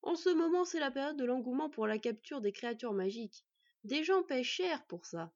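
A woman doing a gruff, gossipy male villager. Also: sits high, expressive, normal speed, lo-fi sound, pitched above the performer's own voice. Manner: gruff, confiding.

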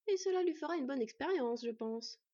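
Woman reading as a calm, wry she-wolf. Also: high-pitched, pitched above the performer's own voice. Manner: measured and gently wry. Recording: dull lo-fi recording.

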